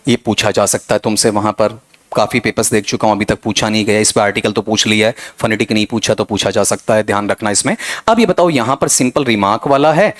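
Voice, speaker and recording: A man leads an exam-prep grammar lesson in a voice of ordinary middle pitch. He keeps quizzing his students with quick questions and answers them himself, in a coaching, familiar tone. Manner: addresses students as "beta", quizzes with rapid questions and self-answers. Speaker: English grammar teacher.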